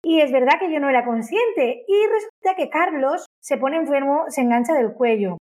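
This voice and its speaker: Bubbly high-voiced woman. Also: animated, moderate pace, darkish tone. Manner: enthusiastic, repeats words, acts out customers' voices. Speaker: business owner. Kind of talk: interview.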